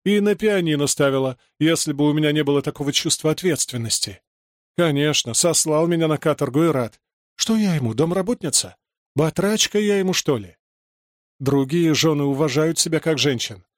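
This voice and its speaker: A man voicing an overworked village mother who complains bitterly and shouts in panic at her children. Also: expressive, moderate pace, no room sound, studio quality, lightly acted. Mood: grumbling self-pity. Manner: shrill, self-pitying, shouting. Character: harried overworked village mother, shrill and frantic.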